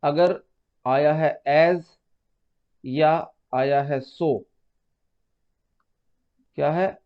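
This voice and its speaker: On a muffled lo-fi recording, a man with a fairly high pitch, fairly even intonation, and a clean tone speaks very slowly. He is patiently teaching exam-prep grammar step by step, repeating key terms and calling students "beta."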